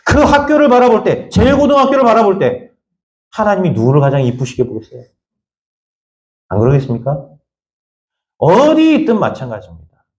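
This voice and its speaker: A male pastor preaching a sermon, firing rhetorical questions at the congregation and swinging between raised high lines and quiet low asides. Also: wildly swooping pitch, fairly quick, pauses often. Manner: emphatic, fires repeated rhetorical questions at the congregation. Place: church sanctuary. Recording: echoey church room.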